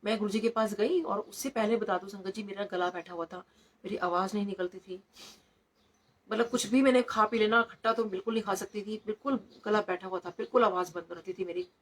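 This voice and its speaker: A woman's voice: medium pitch, a little fast. A middle-aged woman, a doctor, sharing devotional stories at a satsang, slipping English words into her narration. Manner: storytelling, code-switching into English.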